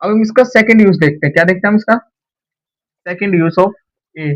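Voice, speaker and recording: A man's voice: high-pitched, fairly quick, highs cut off. A young man teaching an English grammar lesson at a board, who asks the class questions and answers them himself.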